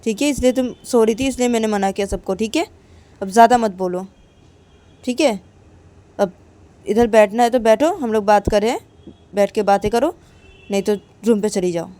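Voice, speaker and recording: A woman's voice: on the high side, normal speed, long pauses, dark tone, close to an everyday voice. A woman voicing Ananya, a young woman who speaks curtly and sternly to her girlfriend in a told story. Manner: curt, stern.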